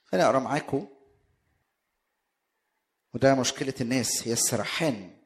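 A man preaching a sermon with an Egyptian accent, emphatic and full of rhetorical questions, his voice swelling into loud bursts. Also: mid-range voice, fairly quick. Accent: Egyptian Arabic.

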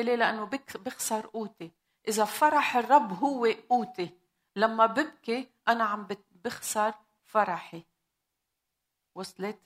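A woman with a Lebanese accent preaching a sermon, asking the congregation questions, dropping in English words and slowing down for scripture. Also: a little high, fairly bright tone. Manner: mixes Arabic with English words, asks the audience questions.

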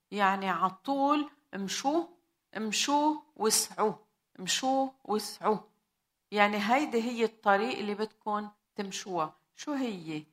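A woman with a Lebanese accent preaching a sermon, asking the congregation questions, dropping in English words and slowing down for scripture. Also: mid-range voice. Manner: mixes Arabic with English words, asks the audience questions.

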